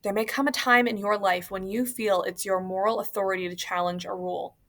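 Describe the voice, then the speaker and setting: A woman's voice: mid-range voice, steady tone, brisk, fairly bright tone, close to an everyday voice. A woman reading the part of a stern, scolding male prison warden in an audiobook.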